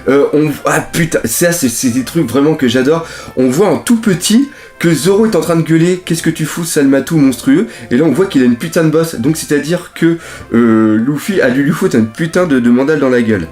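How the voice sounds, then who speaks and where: A man doing a live reaction while reading a comic chapter aloud, excitable and exclaiming, swearing often. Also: fairly high pitch, a little fast, soft background music. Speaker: manga reaction host.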